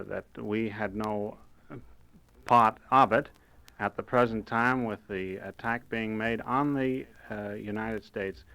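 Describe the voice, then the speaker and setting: A man, an electrician giving a halting street-interview statement full of pauses. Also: lowish voice, a bit bright, clear, resonant tone, poor audio. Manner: halting, many pauses and fillers. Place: city street.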